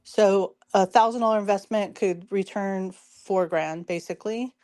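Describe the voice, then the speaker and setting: The host of a casual commentary show, a woman, talks straight to her audience and walks through things informally, one step at a time. Her voice is medium-pitched with fairly even intonation, a measured pace, and a darkish tone, but it's hoarse and strained, worn out as she loses it.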